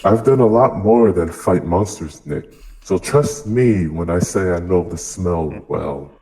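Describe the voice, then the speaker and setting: A man doing a gruff army major through a voice changer. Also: lively intonation, measured pace, dark tone, low-quality recording. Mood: grim. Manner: clipped, matter-of-fact questions. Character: gruff male army major, terse and sarcastic. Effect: voice changer deepening the voice. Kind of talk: amateur group reading of fan fiction.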